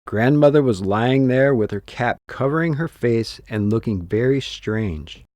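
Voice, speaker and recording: A man reading a textbook story slowly and expressively as the audio narrator, in a dry, close studio recording. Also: medium pitch, expressive, a little mellow, dry recording. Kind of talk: scripted narration.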